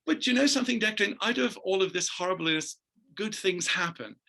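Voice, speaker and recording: A middle-aged man from Northern Ireland who works as a dancer and choreographer, recounting his past as an interview guest. He talks in an animated, emphatic way and keeps turning to the host by name. His voice sits a little high, with a bright, forceful edge. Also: fairly quick, gravelly. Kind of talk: storytelling interview.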